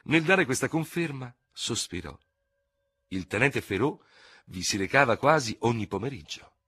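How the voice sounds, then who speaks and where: A man narrating a classic novel as an audiobook, in an expressive, theatrical reading style on a close studio mic. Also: mid-range voice, normal speed, slightly rough, no echo. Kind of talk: scripted literary narration.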